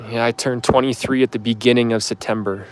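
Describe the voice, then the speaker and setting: A man in his twenties from Canada chats on a livestream, responding to viewer questions loosely and with lots of fillers. His voice sits in the mid-range, with slight background noise.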